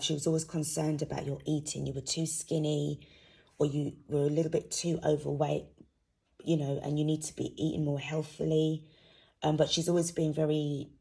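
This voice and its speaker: A drowsy-sounding woman giving an informal spiritual card reading to viewers, talking in a halting, rambling way. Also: low-pitched, creaky, mellow, husky. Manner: sleepy, drowsy. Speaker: host, intuitive card reader.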